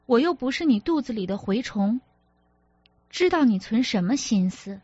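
A woman's voice: a little high, lively intonation, moderate pace, a little mellow, husky, no room sound, muffled recording. A woman reader voicing an apologetic, exasperated young husband who pleads and defends himself, as an audiobook character. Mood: irritated.

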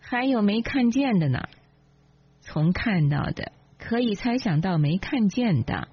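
一位女性朗读者演绎一个说话尖刻、满含讥讽、醋意十足的年轻妻子，嗓音略带沙哑。. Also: female voice, mid-range voice, very animated, a little slow, breathy edge, full character voice. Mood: sarcastic. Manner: sarcastic, cutting. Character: sharp-tongued jealous young wife. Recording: dull lo-fi, dry.

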